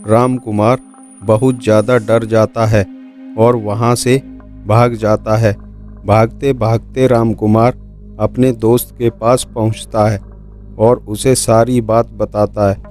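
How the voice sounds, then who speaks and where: A storyteller reads scripted narration of a horror folk tale for a cartoon, with music playing behind him. His voice sits on the low side and is level, slow and a little mellow.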